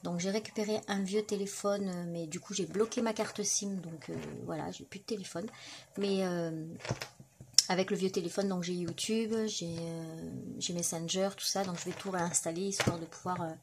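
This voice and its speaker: A woman's voice: fairly low pitch, fairly even intonation, moderate pace, noisy background. Chatty middle-aged woman showing crafts. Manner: chatty, many fillers, admiring. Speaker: crafting YouTuber. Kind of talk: casual show-and-tell vlog.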